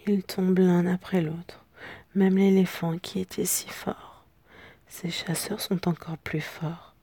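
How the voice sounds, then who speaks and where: A woman voicing a friendly, flattering storybook cat in an ASMR role-play, her voice husky and cracked. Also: fairly low pitch, slow pace, no echo, full character voice. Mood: rueful.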